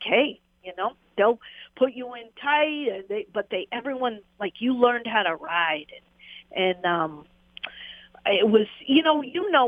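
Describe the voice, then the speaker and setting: A woman who used to be a jockey tells meandering stories during an informal interview, full of laughter and filler words. Her voice sits in the mid-range, and despite the tinny phone line, there's no echo.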